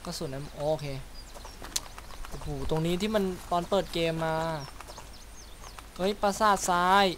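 A man's voice: sits high, measured pace, noisy background. Chatty Thai-speaking man playing a game. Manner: chatty, makes mouth sound effects. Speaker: gaming YouTuber. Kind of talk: casual let's-play commentary. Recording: loud game sounds behind voice.

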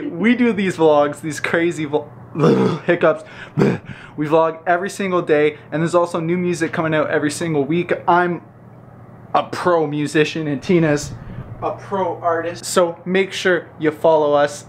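A man's voice: fairly high pitch, steady tone, normal speed. A man vlogging at home in casual chat, teasing and joking, with the hiccups. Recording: noisy home vlog recording.

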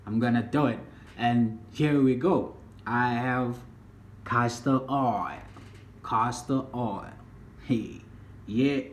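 A young man from the United States talking casually to a phone camera in a vlog, slow and drawling, often trailing off. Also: mid-range voice. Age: young adult. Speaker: vlogger. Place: small room indoors. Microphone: phone camera at arm's length. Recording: roomy phone recording, faint hiss.

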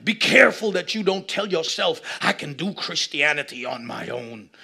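A man in his thirties preaching a lively sermon on a church stage, swinging from shouts to low asides and acting out little scenes. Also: moderate pace, gravelly, breathy edge. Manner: animated preaching, shifting between loud shouts and low asides. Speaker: pastor. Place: church stage with a seated audience.

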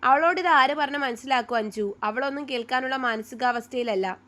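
A woman voicing a gentle, patient, fatherly older man who gives soft, coaxing advice in a read-aloud story. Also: high-pitched, brisk. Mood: warm.

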